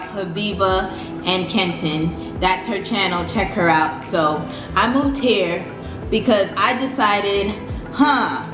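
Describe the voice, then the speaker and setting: A Brooklyn woman in her 30s chats casually in a story-time vlog, using slang and repeating her phrases. Her medium-pitched voice sounds reverberant.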